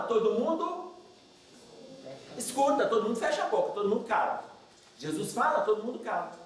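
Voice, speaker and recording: Man, religious lecturer, animated, questions the audience, lively pitch, echoey hall, distant mic. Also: a little hiss or hum. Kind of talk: religious study talk.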